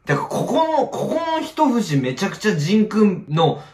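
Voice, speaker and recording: A man giving a casual vocal analysis as he reacts to a song, gushing with excitement and breaking into short sung snippets. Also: sits high, normal speed. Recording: roomy echo with song playing faintly.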